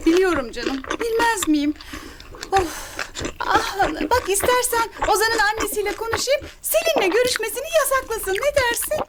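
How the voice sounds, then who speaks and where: A woman's voice: very high-pitched, animated, normal speed, heavy background noise. A woman acting in a family TV drama as a scheming, sugary wife and mother who exclaims theatrically. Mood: gleefully conspiratorial. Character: scheming, gushing wife and mother, openly wicked. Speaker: actor in a family drama series.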